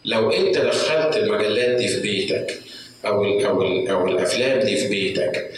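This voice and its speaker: Fast-talking Egyptian pastor in an echoey hall. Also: male voice, lively intonation, far from the mic, slight background noise. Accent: Egyptian Arabic. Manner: emphatic, swings to high pitched outbursts and rhetorical questions. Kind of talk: sermon. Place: church hall.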